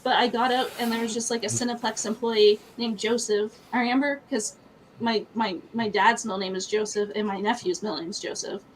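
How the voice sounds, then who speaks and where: A woman with a high voice chats on a live stream and rants with lots of swearing and laughter. Her voice is bright and fast-moving, and a faint hiss sits under it. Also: rough recording. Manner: animated profane ranting, frequent laughter. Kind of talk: casual chat.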